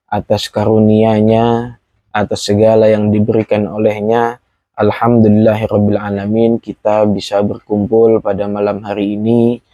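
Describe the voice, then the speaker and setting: Low flat-voiced Indonesian preacher. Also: male voice, dry recording, dull audio. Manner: rhythmic repetition, declamatory. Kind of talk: sermon.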